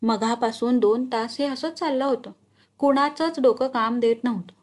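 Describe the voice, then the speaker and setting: A woman reads a short story aloud in a steady, even narration. Her voice sits somewhat high. She keeps a calm, measured reading pace. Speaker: story reader.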